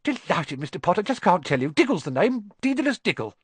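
A giddy, squeaky little old gent in a top hat, bursting with excitement. His voice shoots up high and swoops wildly. The reading is dry and close. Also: fairly quick, husky, dry recording, exaggerated voice. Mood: gushing. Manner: squeaky, breathless with delight.

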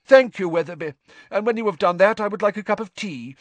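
A man's voice: high voice, animated, fairly quick, no room sound, pitched above the performer's own voice. A man reading aloud and voicing a deranged, exhausted older male official who gasps out broken fragments of speech. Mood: deluded.

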